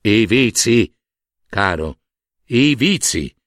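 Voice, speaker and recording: A man's voice: on the low side, big pitch swings, drawn-out words, no room sound, pitched below the performer's own voice, exaggerated voice. Man doing an unctuous old monsignor. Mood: scornful. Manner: fussy, wheedling, preachy, with soft asides. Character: sanctimonious old male monsignor, fussy and greedy. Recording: dry close studio sound.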